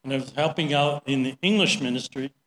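A man's voice: mid-range voice, fairly quick, fairly bright tone. A middle-aged man giving a sermon, telling a story in a chatty way with many "right?" asides. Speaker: preacher. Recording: roomy echo.

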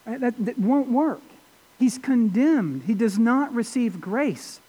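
A man preaching a sermon, emphatic, with rhetorical questions and sudden swings between loud and quiet. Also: extremely high pitch, animated, slow pace, breathy edge. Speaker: pastor.

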